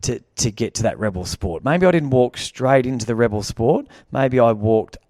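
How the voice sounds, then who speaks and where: An Australian man spins a rambling, self-mocking yarn on a podcast, swearing freely as he goes. His voice swings widely up and down in mid pitch. The sound is dry and close, with no room around it. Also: lively intonation, normal speed, a little mellow, dry recording. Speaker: podcast co-host. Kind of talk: casual storytelling banter. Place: podcast studio.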